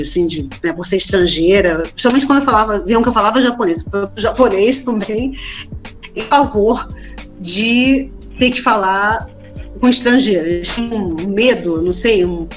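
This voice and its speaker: A woman from Brazil, a podcast guest, chatting casually and telling stories with lots of tag questions. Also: medium pitch. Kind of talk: casual interview chat.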